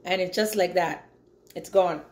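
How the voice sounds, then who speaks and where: A woman's voice: fairly low pitch, measured pace. A woman in her thirties chatting upbeat to her phone camera in her home kitchen. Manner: upbeat, chatty, addresses viewers as guys. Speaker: vlogger. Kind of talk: casual chat to camera. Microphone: phone camera on a counter. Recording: echoey room.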